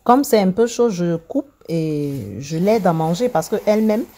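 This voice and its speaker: An older woman narrating a relaxed day at home and talking sweetly to a small child. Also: measured pace. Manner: coaxing, sing-song baby talk with high pitch jumps. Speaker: vlogger caring for a grandchild. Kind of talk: casual vlog narration and baby talk. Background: soft background music.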